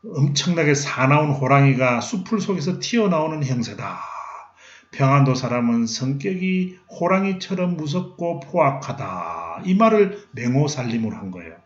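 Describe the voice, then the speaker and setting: A man's voice: mid-range voice, normal speed, a little hiss or hum. Middle-aged male lecturer, quizzes his class and answers himself, roomy and slightly dull sound. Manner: asks questions and answers them himself, lively. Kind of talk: recorded history lecture.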